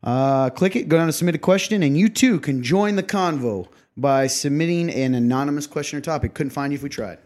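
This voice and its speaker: A young man co-hosts a chatty podcast. His voice sits a little high and swings widely in pitch. He teases his friend and laughs easily. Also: a little fast, few pauses. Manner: animated, laughing, teasing. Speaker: podcast co-host. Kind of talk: casual chat.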